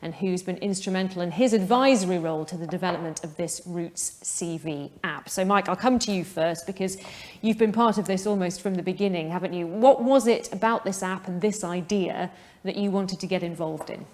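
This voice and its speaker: A woman's voice: lowish voice, a little fast, a little mellow, long reverb tail. Polished female TV presenter. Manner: polished, clearly enunciated, emphatic. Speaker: TV presenter, host. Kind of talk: scripted presenting.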